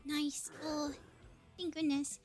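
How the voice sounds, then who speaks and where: Slowly and with a flat delivery, a high-pitched woman comments casually on the video game she's streaming, voicing thoughts in brief bursts. Music plays in the background.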